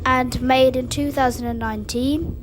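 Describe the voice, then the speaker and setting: A woman's voice: sits high, steady tone, moderate pace, a little hiss or hum. A woman hosting a casual video tour, giving simple, factual commentary in short statements. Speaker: video host. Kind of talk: casual narrated lift tour. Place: inside lifts in public buildings.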